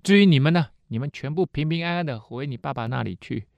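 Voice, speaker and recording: A man acting out a stern, powerful ruler in a retold story, slow and firm, giving orders. His voice sits a little high and sounds close and dry. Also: vocal fry, no echo, dull audio. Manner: firm, refusing, slow and deliberate.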